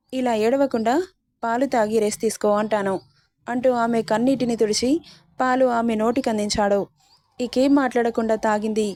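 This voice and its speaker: A woman narrating a romantic story, reading every character's lines herself in the same steady voice. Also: fairly high pitch, no room sound. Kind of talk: narrated romance audiobook, voicing all characters.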